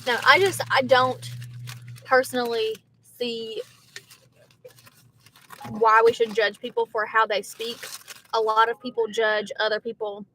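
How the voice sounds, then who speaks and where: A woman's voice: on the high side, steady tone, unhurried, long pauses, sharp tone, slight background noise. A young woman with a Southern accent, chatting casually to her livestream from a car and reading viewer comments aloud. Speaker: livestreaming gig driver.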